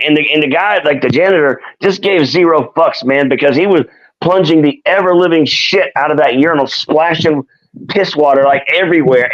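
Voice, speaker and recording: Profane laid-back man on dull lo-fi audio. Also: fairly high pitch. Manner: profane, filler-heavy, laid-back talk. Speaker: guest. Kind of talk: casual chat.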